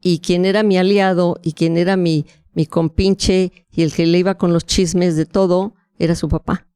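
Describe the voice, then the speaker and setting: A woman tells an emotional story in a low, smooth voice. She is animated and restarts often. The sound is dry and close. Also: moderate pace, no echo. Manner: vivid, animated, with frequent restarts and fillers. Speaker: interview guest. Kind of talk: emotional first-person storytelling.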